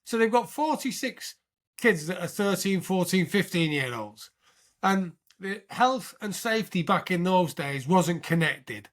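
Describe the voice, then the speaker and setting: A British man in his sixties tells his story as a guest on an interview show, his voice pitched high. He talks in an animated way and often checks in with the listener. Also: a little slow. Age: 60s. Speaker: podcast guest, military veteran.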